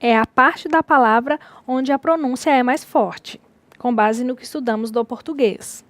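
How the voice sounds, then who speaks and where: A woman teacher giving a recorded distance-learning lecture, explaining slowly and repeating key words. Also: sits high, dry recording.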